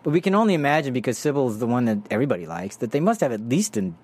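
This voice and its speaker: A man chatting casually about a TV drama episode, animated and laughing often, with many restarts. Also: mid-range voice, rapid-fire.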